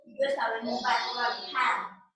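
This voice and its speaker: A woman with a high voice tells a fervent personal testimony, repeating herself and calling her listeners sister. She is far from the mic in a very echoey room. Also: fairly even intonation, fairly quick, noisy background. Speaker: church member giving testimony. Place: church meeting room.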